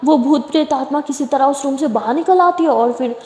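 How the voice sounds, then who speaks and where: A woman's voice: sits high, brisk, mellow, natural voice. A woman voicing Lakshmi, a mischievous young woman with a teasing, dramatic manner. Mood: spooky. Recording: echoey room with long reverb.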